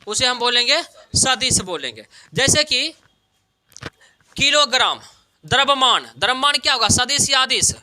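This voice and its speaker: A male teacher runs an exam-prep science lesson. His voice sits very high and sounds bright and sharp. He keeps asking the class questions and then answers them himself with everyday examples. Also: big pitch swings, normal speed, pauses often.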